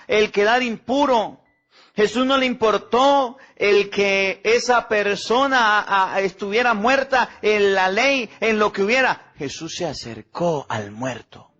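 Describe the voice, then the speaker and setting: A man's voice: high voice, a bit bright. A Mexican priest giving a homily at Mass. He preaches with heavy repetition and puts questions to the congregation. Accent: Mexican Spanish. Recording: slightly dull recording with faint music.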